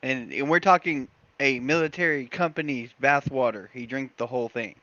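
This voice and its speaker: A man co-hosting a podcast in loose conversation. His voice sits in a middle pitch and he jokes with rising excitement. The recording is close and dry. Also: moderate pace, dry recording, lo-fi sound. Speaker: podcast co-host. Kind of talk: casual chat.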